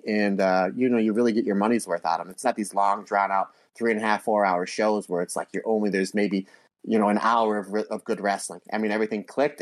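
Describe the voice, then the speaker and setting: A man's voice: lowish voice, dry recording, clean studio sound. A man co-hosting a podcast, chatting casually in a folksy, jokey and rambling way. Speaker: podcast co-host. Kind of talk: casual chat, anecdotes.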